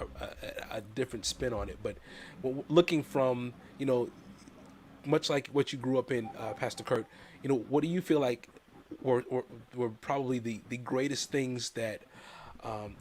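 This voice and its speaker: Heartfelt host, halting speech. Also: male voice, medium pitch, darkish tone, slight background noise. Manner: heartfelt, halting with many repeats. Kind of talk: casual chat.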